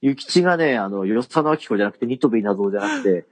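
A man's voice: lowish voice, expressive, fast talker, no echo. A man co-hosting a podcast, telling an anecdote in casual chat, rambling with many fillers and restarts. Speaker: podcast co-host.

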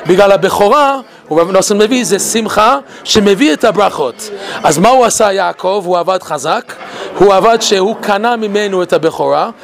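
A man giving an animated Torah talk. He laughs often and asks many rhetorical questions. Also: high-pitched. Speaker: Torah teacher.

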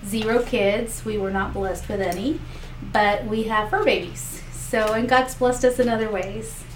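A political candidate whose first language is Spanish gives earnest interview answers full of fillers and restarts. Her mid-range voice is steady and measured. The room is echoey, with the mic far off and faint noise.

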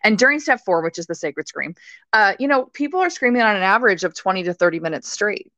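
A woman guest on a podcast, talking intensely and swearing freely, now and then bursting into shouted quotes. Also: medium pitch, animated, fast, no room sound. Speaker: podcast guest, rage coach. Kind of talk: emphatic interview talk.

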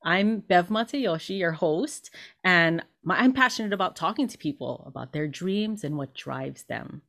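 A woman's voice: on the low side, expressive, moderate pace, gravelly, fairly bright tone. A woman hosting an interview show, introducing her guest in an effusive, gushing way and laughing often. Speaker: host.

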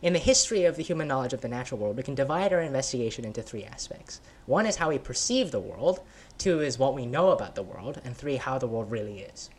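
A patient scientist, as a man reads him out in a storybook tale, laying out big ideas step by step. His voice is lively and rises and falls, and he keeps checking in with "right?". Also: medium pitch, fast, natural voice. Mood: explaining. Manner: explanatory, many "right?" and "sort of" fillers. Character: patient male scientist explaining physics. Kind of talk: read-aloud children's story.

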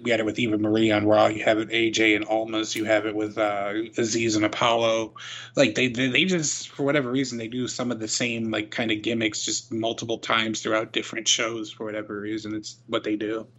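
A man with a fairly low voice recaps wrestling shows as a podcast co-host. He talks loosely, with plenty of fillers, and laughs often. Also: a bit bright. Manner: chatty, laughing, filler-heavy storytelling. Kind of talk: casual chat.

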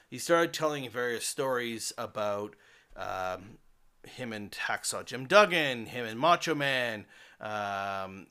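A man's voice: medium pitch, bright, forceful tone. A man hosting a podcast alone, giving a casual, rambling review with many fillers and restarts. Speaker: podcast host.

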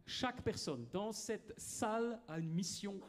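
A man interprets a sermon live, catching each phrase and restating it, sometimes correcting himself mid-line. His voice is a touch high for a man. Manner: quick, repeats and rephrases.

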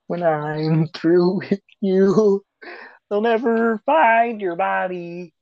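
A woman voicing a menacing villain, drawing out a gloating threat in a slow, exaggerated way. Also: medium pitch, darkish tone, no echo, lo-fi sound. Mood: gloating menace. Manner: slow, drawn-out, gloating delivery.

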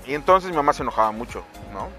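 A man's voice: mid-range voice, expressive, fast, bright, forceful tone, faint music behind. A man co-hosting a podcast, playfully telling anecdotes in casual chat and mimicking his mother. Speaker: podcast co-host.

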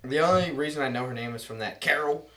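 A young man speaks at a middle pitch in a blunt, low-key podcast chat, swearing freely. A faint hiss sits under his voice. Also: fast talker, bright, forceful tone, rough recording. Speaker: podcast co-host. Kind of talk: casual chat.

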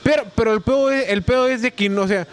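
High-pitched Mexican man, slangy podcast chat. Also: fast. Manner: repeats words, laughs loudly, heavy slang. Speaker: podcast co-host. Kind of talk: casual chat.

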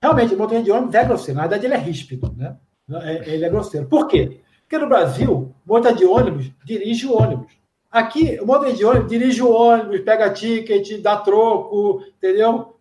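A man from Brazil with a Brazilian Portuguese accent, chatting casually as an interviewee, slangy and full of anecdotes and quick asides. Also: sits high, animated, darkish tone. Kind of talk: casual chat. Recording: echoey room.

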